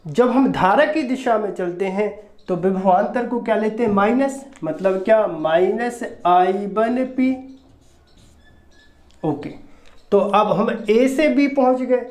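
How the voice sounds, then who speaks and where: A physics teacher giving a recorded lecture, repeating each step and asking quick rhetorical questions to check understanding. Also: medium pitch, darkish tone. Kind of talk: recorded classroom-style lecture. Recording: roomy echo.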